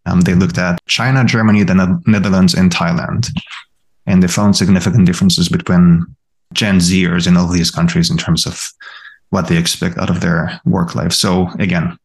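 Deep gravelly-voiced male professor. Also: level tone, moderate pace. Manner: thoughtful, many restarts and repeated words. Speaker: podcast co-host, college professor. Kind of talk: casual academic discussion.

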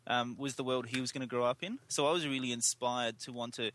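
A man's voice: mid-range voice, steady tone, fast, a bit bright, slight background noise. A man co-hosting a casual health podcast, earnest and full of fillers. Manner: earnest, many fillers like um and you know. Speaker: podcast co-host.

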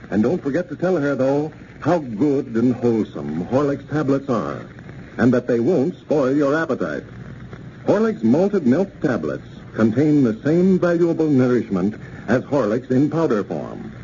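Male old-time radio announcer, folksy, animated intonation, mellow tone, scripted delivery, dull noisy recording. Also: mid-range voice. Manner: folksy, addresses young listeners directly.

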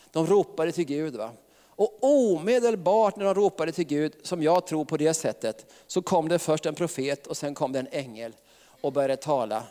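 A man's voice: on the high side, dark tone, big-room sound. A man preaching a sermon in a chatty style, often laughing and tagging his sentences with questions.

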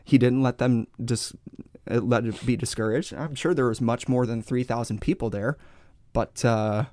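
A man's voice: medium pitch, steady tone, normal speed, a little mellow, no room sound, clean studio sound. A man, a pastor co-hosting a church podcast, talking casually and upbeat about reaching people. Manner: upbeat, acts out quoted people in livelier voices.

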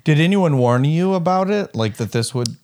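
A man's voice: a little high, expressive, moderate pace, a little mellow. A young adult son in a candid personal conversation with his mother, speaking hesitantly and with many fillers.

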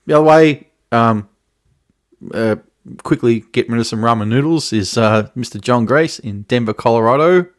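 Jokey podcast host. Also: male voice, mid-range voice, normal speed, no room sound, studio quality. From Australia. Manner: loose, jokey, laughs often. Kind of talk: casual podcast chat.

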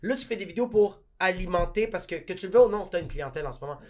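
A man's voice: high voice, expressive, racing, a little mellow. A young man with a Québécois French accent, co-hosting a casual chat and asking rambling, filler-heavy questions.

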